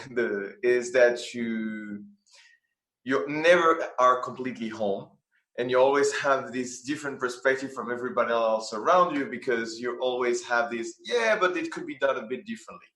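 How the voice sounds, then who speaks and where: A man from France appears as a guest in a conversational interview, speaking earnestly and searching for words, often restarting phrases. His medium-pitched, fairly bright voice is expressive at a normal pace, in an echoey room.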